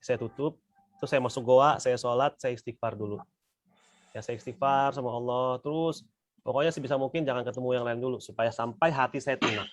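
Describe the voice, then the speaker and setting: A man giving an informal religious talk over a video call, relaxed and conversational, often speaking straight to his listeners. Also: medium pitch, brisk, no echo. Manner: relaxed conversational, addresses listeners as "Bapak Ibu". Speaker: speaker at a weekly religious study session.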